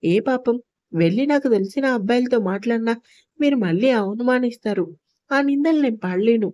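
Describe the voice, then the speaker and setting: A woman's voice: on the high side, expressive, brisk, mellow, no echo, natural voice. A woman voicing a hurt young wife who answers her husband with reproach in a told story. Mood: bitter. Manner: reproachful, pleading. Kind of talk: storybook narration.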